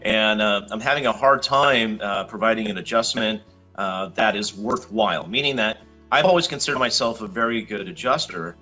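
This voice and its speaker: A man's voice: fairly low pitch, normal speed, sharp tone, soft background music, poor audio. A middle-aged man from Hawaii, a chiropractor, talking casually as a guest in an interview, easygoing and rambling with lots of fillers.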